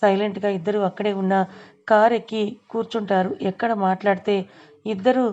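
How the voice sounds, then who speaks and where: A woman narrates a serialized story at a steady, even pace, reading every character's lines in her own voice. Her tone stays flat and mellow. The recording is slightly dull and lo-fi. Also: mid-range voice.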